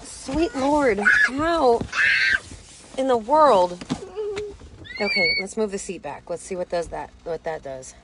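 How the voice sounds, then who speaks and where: Recorded on a phone at arm's length, a mother in her thirties vlogs casually from a parked truck under an open umbrella, flustered and laughing in exasperation. Her mid-range voice is animated but slow, with long pauses, and the audio is very noisy.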